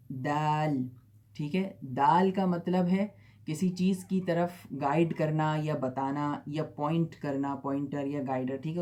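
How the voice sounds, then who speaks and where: This is a male teacher giving a beginner pronunciation lesson. He draws out each letter sound slowly and carefully, then keeps asking his students whether they have followed. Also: fairly high pitch, darkish tone. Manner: slow, drawn-out model sounds, frequent "theek hai?" checks. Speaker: Arabic teacher.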